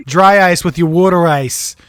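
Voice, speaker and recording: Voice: mid-range voice, normal speed, no echo. A podcast co-host in casual chat, laid-back and swearing freely while reading items aloud. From not from Philadelphia.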